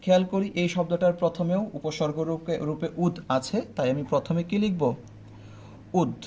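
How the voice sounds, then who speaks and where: Young guy teaching a pronunciation class, slightly high voice, goes slow and keeps asking if you got it. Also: steady tone, warm tone. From Bangladesh. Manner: explains step by step, often asking "ঠিক আছে?". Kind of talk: online admission-test pronunciation lesson.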